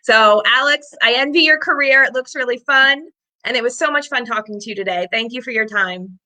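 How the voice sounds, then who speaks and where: A woman's voice: fairly high pitch, a little fast, pushed and bright. A woman hosting a live-stream interview, upbeat and chatty, with filler words. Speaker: host.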